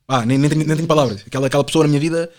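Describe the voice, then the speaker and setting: His voice is a little high and a little mellow, and he talks very fast. He's a man in his twenties guesting on a podcast, chatting in rambling, slangy Lisbon Portuguese packed with fillers and tag questions.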